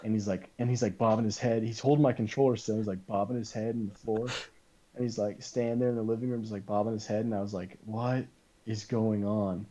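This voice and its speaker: A man as a podcast guest, telling a story casually, animated and full of "like" and quoted back-and-forth. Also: on the low side, fast talker, lo-fi sound.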